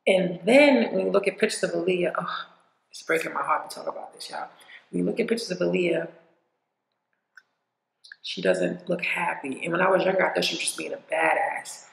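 A woman's voice: on the low side, fairly quick, vocal fry, long pauses, reverberant, rough recording. A woman vlogger talking bluntly and profanely in a rambling, casual opinion rant.

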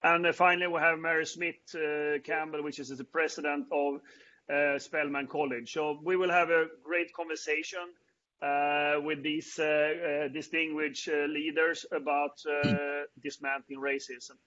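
A middle-aged man with a Swedish accent, hosting a panel on a video call and speaking haltingly with many fillers and restarts. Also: a little high, level tone, sharp tone. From Sweden. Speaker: panel host. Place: indoors before a branded backdrop. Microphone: earbuds on a video call. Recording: dull lo-fi video-call audio.

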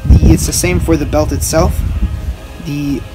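A young man giving a casual, halting show-and-tell as a video host, recorded outdoors at a short distance from the camera. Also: on the high side, fairly even intonation, loud music behind the voice. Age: teenager or young adult. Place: outdoors on a wooden backyard deck.

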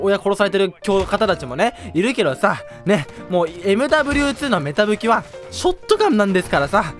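A young man giving casual, rambling commentary over his own gameplay, often excitable and given to bursts of shouting and laughter. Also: sits high. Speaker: gaming video creator.

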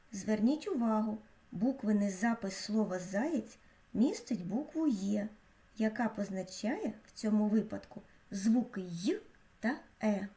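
A woman narrating a scripted school lesson in a slow, clear, teacherly way with careful pronunciation. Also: medium pitch, warm tone.

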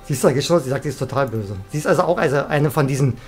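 A woman live-streaming a video game, chatting excitably with viewers and often trailing off and restarting. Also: rumbling low, racing, soft background music. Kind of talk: casual live-stream chat while gaming.

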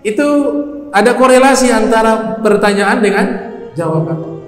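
A man's voice: high-pitched, moderate pace. A male preacher from Ternate telling stories in a sermon, repeating key phrases three times for emphasis. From Ternate, North Maluku. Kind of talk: sermon storytelling. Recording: echoey hall with faint music.

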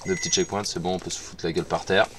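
Low-voiced gamer muttering to himself. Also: male voice, level tone, racing, background noise. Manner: mutters to himself, repeats words, swears when he fails. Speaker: gamer playing on stream. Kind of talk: casual gameplay commentary.

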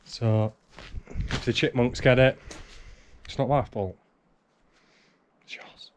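A man's voice: medium pitch, fairly even intonation, slow pace, a little hiss or hum. A man in his thirties filming himself with a handheld camera while stripping out a half-demolished wooden barn, chatting wryly to himself as he works. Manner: chatty, wry, talks to himself while working. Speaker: homesteader vlogger. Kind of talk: casual self-filmed commentary. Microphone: handheld action camera.

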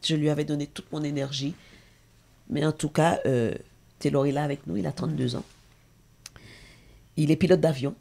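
A woman's voice: low voice, fairly even intonation, moderate pace, vocal fry, long pauses, dark tone. A middle-aged woman, a talk show guest and association president, giving an intense, emotional personal testimony with hesitations.

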